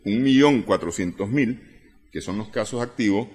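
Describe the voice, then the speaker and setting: A man with a Nicaraguan accent, an analyst on a talk show, speaking in a measured way and often repeating words as he works through figures. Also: lowish voice, a little mellow. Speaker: political analyst guest.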